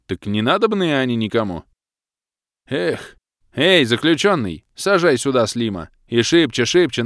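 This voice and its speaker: A man voicing a pompous, dutiful male city guard who gives drawn-out, insistent orders. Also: mid-range voice, dry recording, studio quality, pitched above the performer's own voice.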